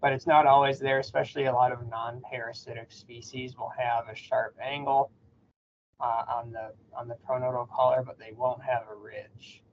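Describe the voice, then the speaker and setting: A man's voice: medium pitch, flat delivery, moderate pace, creaky, lo-fi sound, a little hiss or hum. A man joining a live bee identification workshop as a guest expert, answering hesitantly with many "uh"s. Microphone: computer mic on a video call.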